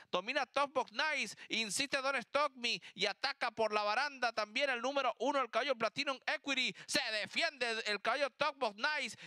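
Guy race caller, super high bright voice, crisp, urgent horse racing commentary. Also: no echo. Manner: excited, urgent calling of the action.

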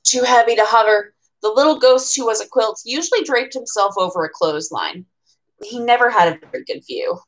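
A bookseller reads at a storytime event in a small room at home: a woman in her twenties with an American accent, reading a children's picture book aloud with expression and chatty asides. Her voice is a little high and brisk, and the audio quality is poor.

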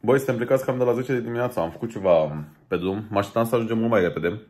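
A man's voice: lowish voice, a little mellow, no room sound. A young man vlogging casually, slangy, laid-back and chatty, talking from a car. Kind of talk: casual vlog chat.

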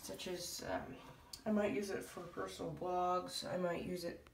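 In a small room at home, a woman who makes hobby videos films a relaxed, rambling vlog update on a handheld phone or camera, sounding hesitant. Her lowish voice is a little slow, with vocal fry and little pitch movement. The audio has a roomy, distant-mic quality and some light noise.

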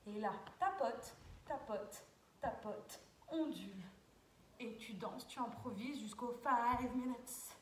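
A woman's voice: a little high, takes it slowly, slight background noise. A young woman dance teacher talking through a routine step by step, calling counts and sound cues as she moves. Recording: very echoey, far from mic.

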